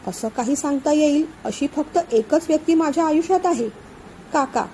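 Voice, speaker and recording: Vishant is a caring young man, earnest and reassuring, gentle in every word of this storybook, as a woman narrator puts him on. Her voice stays fairly high and mellow, dipped a little lower for him. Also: moderate pace, slight background noise, lightly acted, rough recording. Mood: earnest, worried.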